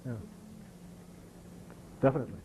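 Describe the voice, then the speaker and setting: A man's voice: normal speed, phone-quality sound, slight background noise. A middle-aged American man answering audience questions after a lecture, conversational and wry, with frequent restarts. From United States. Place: lecture hall.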